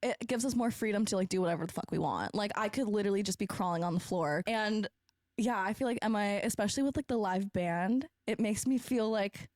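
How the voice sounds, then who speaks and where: A woman's voice: medium pitch, a little fast, a little mellow, dry recording, clean studio sound. A young woman, a pop singer guest, chatting in a bubbly, casual way and swearing lightly. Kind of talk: casual interview chat.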